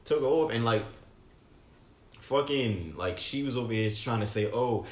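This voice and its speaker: A man's voice: medium pitch, animated, moderate pace, reverberant. A man co-hosting a podcast, telling a story in a casual, slangy, profane way. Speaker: podcast co-host. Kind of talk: casual chat.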